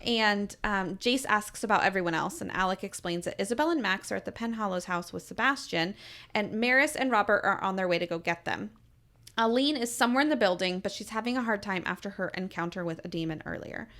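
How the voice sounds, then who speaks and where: A woman's voice: medium pitch, fairly quick, fairly bright tone. A woman co-hosting a podcast, recapping in chatty casual talk with frequent laughs and swearing. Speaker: podcast co-host. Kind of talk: casual chat.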